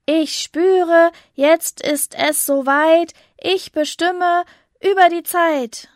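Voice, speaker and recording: Lady doing a feisty little witch girl, high and bright, chanting spells, dry close sound. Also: steady tone, very slow, no room sound, full character voice. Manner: spirited, chanting rhymes. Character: bold young witch girl casting rhymed spells.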